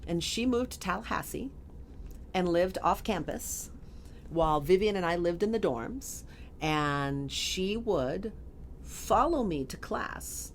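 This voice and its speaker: A middle-aged woman with a low, deep voice tells a story in a relaxed podcast interview. She is animated and laughs as she slips into quoted voices. Faint room noise sits behind her. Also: slow pace. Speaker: guest.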